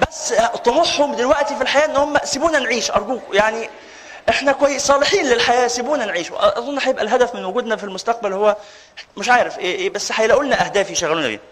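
A man with an Egyptian accent lectures a live audience as a sheikh, rattling through his points at breakneck speed. His voice sits high for a man, and he keeps slipping teasing jokes in among the announcements. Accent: Egyptian Arabic. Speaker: sheikh giving a lecture course. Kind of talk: live religious lecture with banter. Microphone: handheld or stand mic, with some feedback whistle.

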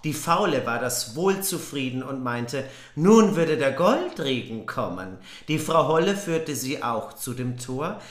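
Expressive woman reading a fairy tale. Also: very deep voice, measured pace, few pauses. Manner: joking interruptions. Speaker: podcast co-host. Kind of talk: playful fairytale reading with banter. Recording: roomy echo.

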